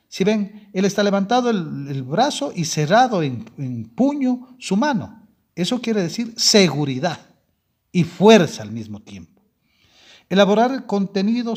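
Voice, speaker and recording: High-voiced man teaching a lesson. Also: darkish tone. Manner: explains step by step, checks in with "¿sí?"; frequent self-corrections and restarts. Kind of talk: classroom lecture.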